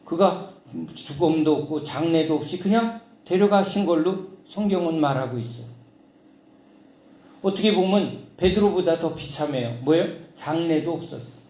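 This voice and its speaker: A middle-aged male pastor preaching with a somewhat high voice, animated and storytelling. He acts out his own grumbling prayers with lively emphasis. The sound carries the echo of a church hall. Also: normal speed. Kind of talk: sermon.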